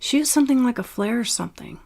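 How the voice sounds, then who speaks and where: A woman voicing a panicked alien shuttle pilot, who speaks in an urgent, hurried way. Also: on the high side, lively intonation, creaky, a little mellow, pitched above the performer's own voice.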